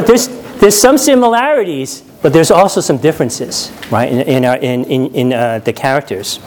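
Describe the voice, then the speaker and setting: A New York man delivers a chatty, conversational sermon, laughing at his own stories and regularly checking in with listeners by asking "right?" His voice runs on the high side with a slightly mellow quality.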